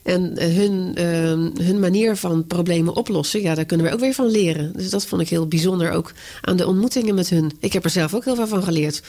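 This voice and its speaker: A woman's voice: lowish voice, fairly quick, hardly any pauses, mellow. Hesitant woman author being interviewed. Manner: hesitant, many fillers and restarts. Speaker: author of a book on entrepreneurs. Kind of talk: interview answers.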